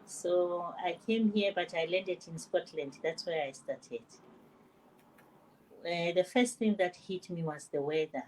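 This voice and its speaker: An older woman from South Africa, a nurse and grandmother, telling her story with lively animation on an online panel. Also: lowish voice, unhurried, slight background noise, low-quality recording. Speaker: panel guest.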